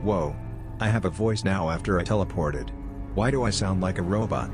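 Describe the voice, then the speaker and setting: A man's voice comes through a robotic filter, low-pitched and steady. He walks through game lore in a measured, explanatory way. Game music plays clearly behind him. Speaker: gameplay commentator. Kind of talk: scripted game commentary.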